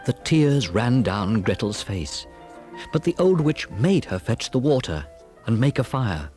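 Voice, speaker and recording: A man narrating a children's fairy tale on a storybook cassette with an expressive, dramatic delivery. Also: medium pitch, measured pace, over music.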